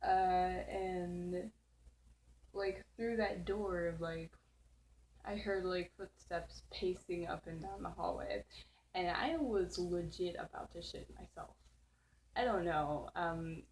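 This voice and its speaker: A teenage girl tells a spooky story at home, rambling and giggling, with "like" in nearly every line. Her voice sits a little low for a girl. A faint noise hums behind her. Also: fairly even intonation, slow pace, darkish tone, low-quality recording. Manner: rambling, full of "like" fillers, giggly. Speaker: channel host. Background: faint background noise.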